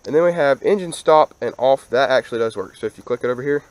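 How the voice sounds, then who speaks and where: A man's voice: mid-range voice, fast. A young man, casually showing off his vehicles in a rambling vlog walkthrough, recorded outdoors on an action camera. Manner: laid-back, rambling, casual slang. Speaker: vlogger. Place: outdoors in a rural yard. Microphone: action camera mic.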